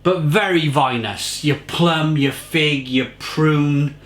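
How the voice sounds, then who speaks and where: Man, fairly high voice, very unhurried delivery, effusive casual reviewer, repetitive emphatic phrasing. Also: a bit bright. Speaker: beer reviewer. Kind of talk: casual beer tasting review to camera.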